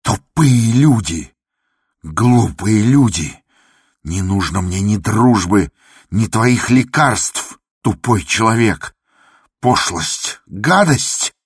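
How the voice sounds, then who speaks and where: Man playing an enraged country doctor, shouting high and trembling, voice cracking. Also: animated, takes it slowly, breathy edge, no echo, clean studio sound, heavily acted. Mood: furious. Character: overwrought middle-aged male country doctor.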